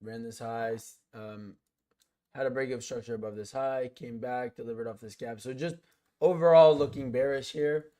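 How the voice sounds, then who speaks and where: A man talks his chat through a live trading session in a relaxed, slangy manner. His pitch sits in an ordinary middle range, and he breaks setups down step by step between offhand asides. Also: moderate pace. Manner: laid-back slangy talk, lots of "like", "bro" and "yo". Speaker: day trader streaming live. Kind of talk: casual live-stream trading commentary.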